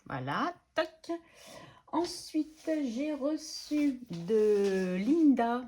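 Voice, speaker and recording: A woman's voice: fairly high pitch, sing-song, extremely slow, mellow, a little hiss or hum. A middle-aged woman chatting casually to camera about budgeting, enthusiastic and laughing often. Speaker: budgeting channel host.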